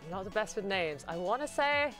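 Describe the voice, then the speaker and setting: A woman hosting a live-stream showcase, gushing loudly and yelling with excitement, swearing freely. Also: mid-range voice, fairly quick, music in the background. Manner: loud, gushing, yells when excited, swears a lot. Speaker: host.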